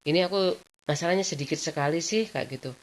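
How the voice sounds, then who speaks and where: A woman's voice: on the low side, fast, slight background noise. A woman telling personal stories in a casual vlog, chatty and rambling, leaning on the same filler phrases again and again. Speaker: vlogger.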